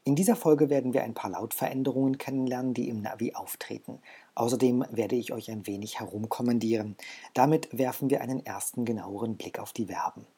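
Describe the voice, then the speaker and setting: A man leads a language lesson with a mellow, slightly husky voice. He explains each point patiently and says example words twice so learners can follow. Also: medium pitch, brisk. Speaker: language course teacher.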